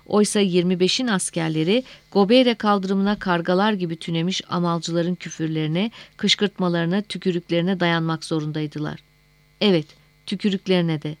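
A woman narrating a novel as an audiobook in a measured, steady reading voice. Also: on the low side, no echo.

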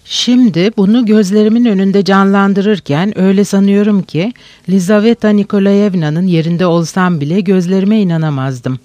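A man reads a novel aloud in slow, measured narration. His voice sits high, and the recording is close and dry with no room sound. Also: a little mellow, no echo. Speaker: audiobook narrator.

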